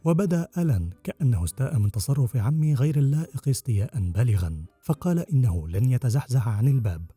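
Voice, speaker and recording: Male audiobook narrator, dark husky voice, lively intonation, dry close sound. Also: medium pitch, fast talker, few pauses, dry recording, faint music behind. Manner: expressive storytelling. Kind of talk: scripted first-person narration.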